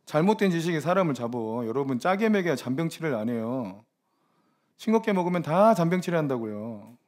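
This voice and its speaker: A man preaching a sermon, teasing his congregation with quick rhetorical questions and joking asides. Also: fairly high pitch, big pitch swings, a little mellow. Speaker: pastor.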